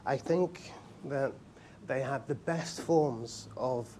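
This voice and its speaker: In a slow, dark-toned voice of medium pitch, a Chinese medicine practitioner from England, aged in his forties, describes his work with a light, humorous touch. The casual interview takes place at his clinic, and there's slight background noise.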